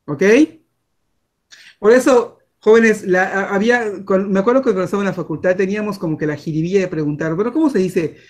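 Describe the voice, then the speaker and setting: A man's voice: sits high, steady tone, fairly quick. A Mexican man teaching a class over a video call, chatty and full of fillers and restarts. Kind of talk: online class lecture.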